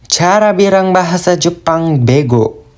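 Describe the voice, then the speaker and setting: A voice announcing each topic with short, flat prompt-style lines. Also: mid-range voice, unhurried.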